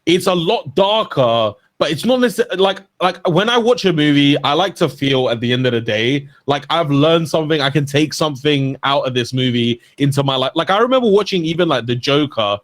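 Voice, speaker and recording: Slightly high-voiced man, laid-back chat. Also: a little fast, hardly any pauses. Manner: relaxed, enthusiastic, casual swearing. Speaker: podcast co-host. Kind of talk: casual chat.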